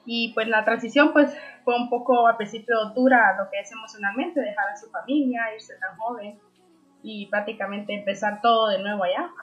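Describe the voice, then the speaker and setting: Brief: woman in her twenties from Honduras, interview guest, halting and full of fillers, dull lo-fi sound with faint music. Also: fairly high pitch, fairly even intonation. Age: 20s. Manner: hesitant, many fillers and restarts. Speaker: guest, young entrepreneur. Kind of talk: conversational interview answers.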